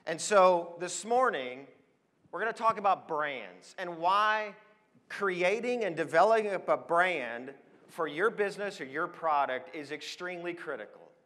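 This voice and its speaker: Here a high, expressive male voice with a sharp tone moves at a measured pace. The speaker is an American in his forties from Switzerland and later Oregon, an advertising professional presenting as a conference speaker. On stage in a large hall, he gives an emphatic, enthusiastic motivational business talk, asking the audience questions amid a long hall echo.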